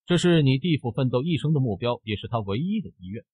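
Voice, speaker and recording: A grieving snake-clan queen mother pleads with her son, voiced by a man narrating a comic-book recap. Her voice is husky and lively in pitch, and the sound is close and dry. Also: fast talker, no room sound, narrow, tinny audio. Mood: sorrowful. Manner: sorrowful, protective.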